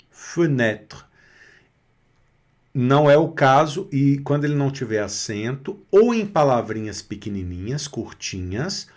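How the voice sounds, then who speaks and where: A man's voice: mid-range voice, a little mellow. A man teaching French pronunciation, patiently repeating each word and asking the listener to repeat it. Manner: patient, repeats words slowly and asks for repetition. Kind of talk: pronunciation lesson.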